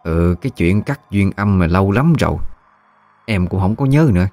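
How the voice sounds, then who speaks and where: Offhand middle-aged delta mother, voiced by a man, low and plain. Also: lively intonation, moderate pace, warm tone, soft background music. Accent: Mekong Delta Vietnamese.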